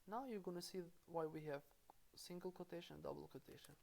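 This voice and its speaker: A woman from Albania with an Albanian accent teaches programming in a screen-recorded tutorial. Her voice is fairly low, gravelly and darkish, and she talks fairly quickly, spelling code out aloud step by step with small self-corrections.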